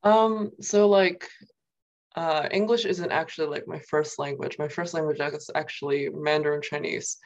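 A young woman from New York, appearing as a guest poet in an interview, talks casually and rambles, filling her speech with "like," "um," and other fillers. Her voice is deep and steady at normal speed, and the highs are cut off.

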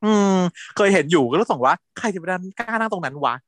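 A man's voice: sits high, expressive, quick pace, fairly bright tone, no room sound. A man in casual chat who animatedly retells a TV series, laughing often and acting out quotes.

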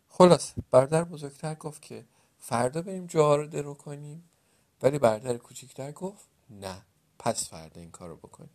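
A man's voice: fairly high pitch, a little mellow. Man telling a folk tale. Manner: explains words and quizzes the listener. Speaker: storyteller. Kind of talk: storytelling.

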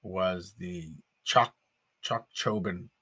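A man's voice: deep voice, very slow, fairly bright tone, husky. A man co-hosting a podcast in casual chat, rambling with fillers and chuckles. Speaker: podcast co-host.

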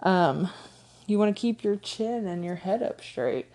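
A woman's voice: medium pitch, animated, unhurried, darkish tone. A woman with a stuffed-up nose hosting a casual solo coaching podcast, talking conversationally with frequent ums and light laughs. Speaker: podcast host, confidence coach.

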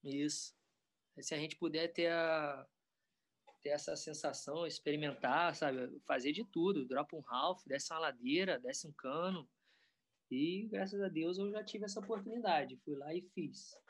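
Laid-back skater, slangy and rambling. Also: male voice, a little high, normal speed. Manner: relaxed, rambling, lots of slang. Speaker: pro skateboarder guest. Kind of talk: casual interview chat.

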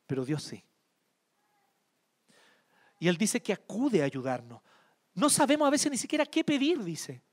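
Male preacher, Chilean accent, high and very lively pitch, expressive sermon delivery. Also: unhurried, long pauses. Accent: Chilean Spanish. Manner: expressive, swings between loud emphasis and hushed tenderness. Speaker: pastor.

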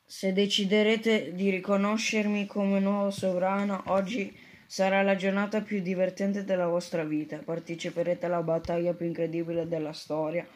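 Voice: medium pitch, flat delivery, normal speed, natural voice. A reader doing a boastful boy king. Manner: loud rallying proclamations. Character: boastful boy crowned self-made king.

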